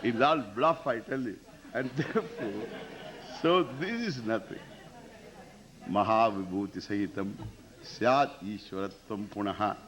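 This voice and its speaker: Indian-accented man teaching, animated swooping pitch. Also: a little slow, highs cut off, some chatter behind. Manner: emphatic, repeats phrases and poses questions to listeners. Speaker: spiritual teacher. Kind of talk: Vedanta scripture discourse with Sanskrit recitation.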